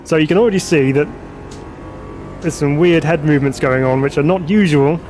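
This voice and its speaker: Stuffed up from a cold, a man drives a racing simulator and chats through it live, chuckling at himself and reading out viewers' messages. His voice sits a little high with a darkish tone and brisk pace, and faint music plays behind him.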